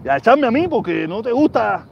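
A man's voice: very high-pitched, big pitch swings, a little fast, creaky, dull audio, slight background noise. A Cuban man with a Cuban accent, ranting heatedly on his channel, repeating himself and reading out viewer comments. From Cuba. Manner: angry, repetitive, street slang. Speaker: channel host.

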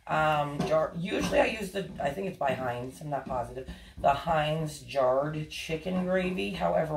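A home cooking vlogger in her thirties chats casually while cooking, rambling with plenty of ums and small apologies. A fixed camera angled down at her stove catches her low voice with a little hiss or hum, plus clear frying sizzle and stirring in her home kitchen.

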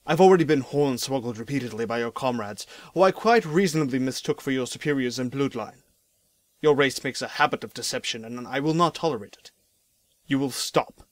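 A man's voice: mid-range voice, no room sound, natural voice. A man voicing a haughty aristocratic young male who speaks formally and pompously. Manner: pompous, formal, with rising disgust.

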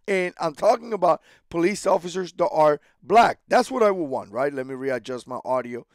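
Speaking to camera on his own channel, a man in his thirties who was born in Cuba delivers animated, indignant opinions at a moderate pace through a headset mic. His slightly high voice keeps repeating phrases and restarting for emphasis. He records in a small home studio, and the audio is dry and clean.

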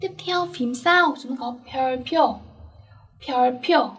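A woman teaching an online language lesson, saying words slowly and repeating them for learners, and often checking with questions. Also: high voice, fairly bright tone, distant mic.

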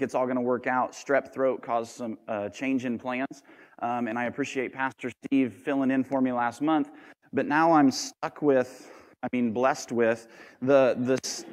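Male pastor, 30s, playful self-mocking sermon, mid-pitched, long reverb of a church sanctuary. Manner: joking, self-deprecating and lively.

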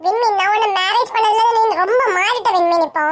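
A woman with a Kanyakumari Tamil accent voicing a hot-tempered young husband, talking in a high, quick, taunting way. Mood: arguing. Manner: bossy, taunting.

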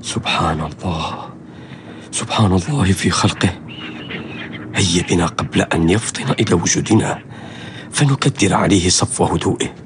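A man's voice: low voice, a little hiss or hum. An actor playing a curious, sceptical yet pious man in a radio drama, speaking theatrically with wonder. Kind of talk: radio drama acting in formal Arabic.

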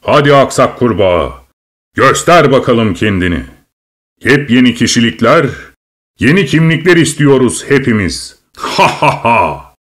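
A man's voice: mid-range voice, lively intonation, moderate pace, close to an everyday voice. A man voicing a cruel, mocking drunken king who bullies and bellows. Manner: taunting, bullying, bursts into shouts.

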